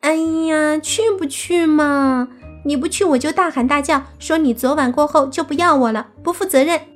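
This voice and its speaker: A woman's voice: sits high, lively intonation, moderate pace, soft background music. A woman voicing a playful teenage girl fox spirit in an audiobook, whining and wheedling sweetly. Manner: whiny wheedling, cute pleading. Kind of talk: audiobook character acting.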